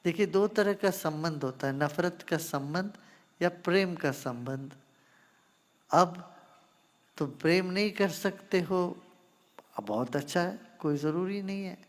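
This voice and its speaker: A man acting as a spiritual teacher, answering questions in an unhurried, gently teasing way and addressing listeners informally. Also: sits high, long reverb tail. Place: ashram gathering.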